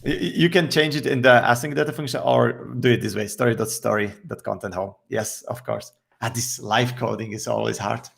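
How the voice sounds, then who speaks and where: A man's voice: mid-range voice, fairly quick, vocal fry, few pauses, fairly bright tone. A man explaining code step by step as a guest, patient and a little hesitant with many fillers. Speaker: developer guest explaining a tool. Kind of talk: casual technical explanation.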